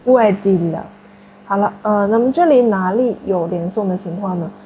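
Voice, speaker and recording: Woman, classroom teacher, patient explainer, mellow tone, lo-fi sound. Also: medium pitch, brisk, slight background noise. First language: Chinese. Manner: patient, explanatory, frequent tag questions. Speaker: French teacher. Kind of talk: classroom lesson.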